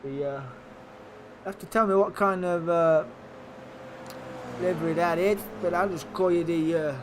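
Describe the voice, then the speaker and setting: A man giving live motorsport race commentary in an informal, matey, excitable play-by-play, mixed with casual stream chat. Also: sits high, measured pace, noisy background. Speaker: sim racing commentator and streamer.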